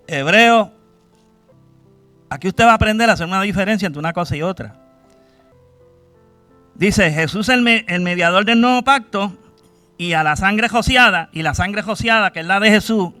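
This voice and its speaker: A man's voice: high voice, sharp tone, no room sound. A man preaching a sermon, questioning his congregation and acting out cries to God. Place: church.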